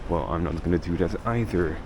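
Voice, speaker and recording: This young travel vlogger from Belgium speaks Dutch as his first language and rambles casually on a city street, dropping the odd swear word. His deep, darkish voice moves fairly quickly over faint outdoor street noise.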